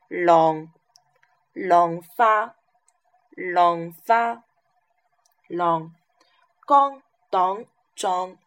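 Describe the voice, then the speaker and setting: A woman teaching a pronunciation lesson, repeating each syllable and example word several times. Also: fairly low pitch. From southern China. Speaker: language teacher.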